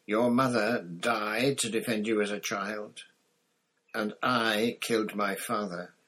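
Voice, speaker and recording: A man doing a cold, mocking dark wizard out of a storybook, low-pitched and husky. He hisses softly and draws out his words, then lifts into sharper, louder taunts. The menace stays quiet and controlled. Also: fairly even intonation, slow, exaggerated voice. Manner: soft, hissing menace with sudden rises. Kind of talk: audiobook character voice.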